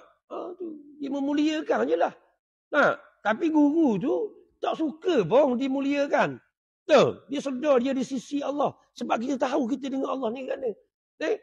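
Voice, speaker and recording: A man giving a conversational religious lesson, often checking with his listeners. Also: very high voice. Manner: conversational, keeps asking the audience "right?". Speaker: religious teacher. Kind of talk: sermon. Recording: dull lo-fi recording.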